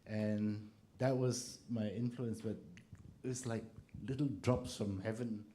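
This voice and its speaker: A man in his sixties, a composer on a panel, telling stories in a relaxed way and laughing often. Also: on the low side, unhurried, slight background noise. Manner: storytelling, laughing often, acts out quotes.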